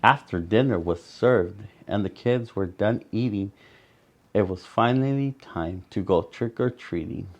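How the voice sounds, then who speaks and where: A man with a lowish voice reads a picture book aloud to children, storyteller-style, with dramatic pauses and asides to his young audience. The recording has its highs cut off.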